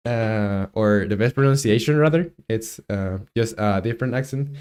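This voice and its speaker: Coding live on stream, a Chilean Spanish-accented game developer in his twenties thinks aloud haltingly, using lots of fillers. He has a lowish, darkish voice that's clear and resonant.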